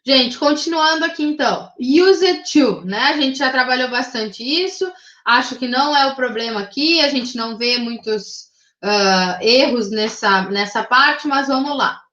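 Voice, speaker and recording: A high-pitched woman with a Brazilian Portuguese accent walks her class through grammar rules step by step, patient and methodical, checking in every few phrases. Her voice sits in a roomy space, and the recording sounds slightly dull. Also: lively intonation, a little slow, fairly bright tone. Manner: patient, methodical, checks in with frequent tag questions. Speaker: English teacher.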